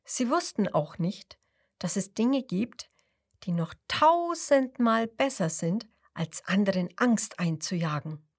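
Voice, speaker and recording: A woman reading a children's story aloud, taking her time with every phrase. Her pitch moves in a lively, sing-song way, and at tense moments she drops to a soft whisper. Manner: slow, expressive, sometimes dropping to a whisper.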